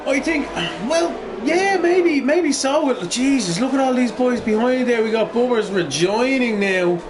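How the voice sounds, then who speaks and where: A man giving casual, chatty live motorsport commentary as a racing commentator, excitable and full of colloquial banter. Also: very high voice, measured pace, noisy background.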